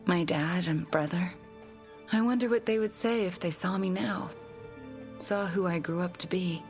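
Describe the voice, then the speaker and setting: A woman's voice: fairly low pitch, normal speed, faint music behind, natural voice. An actress playing a sardonic, self-doubting witch in a video game. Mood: wry. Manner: sardonic, blunt. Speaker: game character. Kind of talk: video game cutscene acting.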